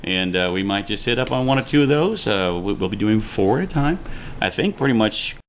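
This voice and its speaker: A man co-hosting a casual talk show, joking and chatting in a lively way. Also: lowish voice, fairly quick, slight background noise. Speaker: co-host. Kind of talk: casual chat.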